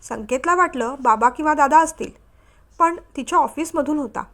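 Woman narrating a story, high pitched, steady and emotive. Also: normal speed.

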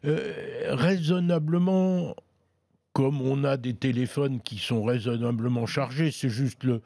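A man's voice: medium pitch, a little slow, gravelly, warm tone, no echo, clean studio sound. A man chatting casually as a tech columnist, explaining products in an easygoing way with frequent hesitations. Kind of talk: casual product review chat.

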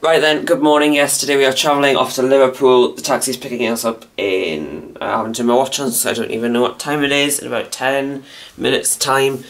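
A man's voice: mid-range voice, steady tone, fairly quick, few pauses, a bit bright. A young man casually vlogging to a handheld camera at arm's length, rambling with lots of ums. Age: young adult. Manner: chatty, rambling with many ums. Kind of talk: casual vlog. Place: indoors and outdoors while travelling, hotel room.

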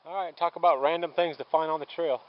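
In a fairly high, steady voice, a thru-hiker vlogger talks fast as he walks a forest trail, narrating casually and musing aloud in a rambling way. The camera audio is dull and lo-fi, echo-free, with faint outdoor noise.

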